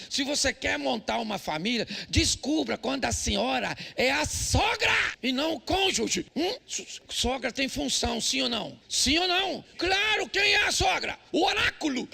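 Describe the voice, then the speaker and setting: An older pastor preaching with a high, gravelly voice. He jokes and drives points home with emphasis, rising now and then to a shout. His tone is bright and cutting. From Brazil. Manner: joking, emphatic, shouts at times. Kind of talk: humorous sermon.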